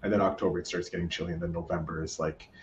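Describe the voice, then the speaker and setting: A low-pitched Canadian man interviews a guest on his podcast in rapid-fire fashion, his delivery flat even as he stays chatty and enthusiastic, frequently starting sentences over. The mic is distant, leaving the sound echoey and roomy.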